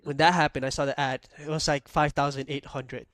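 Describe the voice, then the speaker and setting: A young man from Malaysia, hosting a podcast, telling a story in a relaxed way and asking "right?" often. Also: a little high, a little fast, no room sound, clean studio sound. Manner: storytelling, laid-back, peppered with "like" and "right?". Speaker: podcast host. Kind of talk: casual podcast chat.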